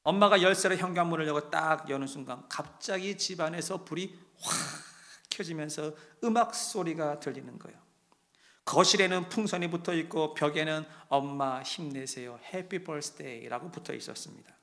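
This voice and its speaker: A man's voice: fairly high pitch, moderate pace. Man preaching in a storytelling voice. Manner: storytelling, swings between hushed and emphatic delivery; asks the congregation direct questions. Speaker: pastor. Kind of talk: sermon.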